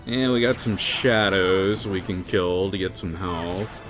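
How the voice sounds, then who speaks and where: A man's voice: low-pitched, slow pace. A man giving casual, jokey commentary while playing a video game, laughing often, with game music behind. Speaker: game streamer. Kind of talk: casual let's-play commentary.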